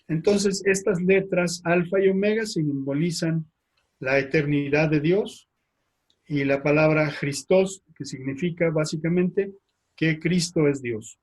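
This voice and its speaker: A man, a priest with a Mexican Spanish accent, giving a slide lecture, speaking haltingly with frequent fillers and tag questions. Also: fairly high pitch, darkish tone. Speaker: priest teaching.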